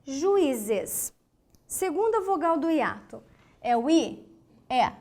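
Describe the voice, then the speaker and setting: A woman's voice: high voice, big pitch swings, dark tone. A woman from Brazil teaching an online grammar lesson, speaking emphatically, asking questions and answering them herself, and spelling words out syllable by syllable. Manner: slow, emphatic, asks and answers her own questions.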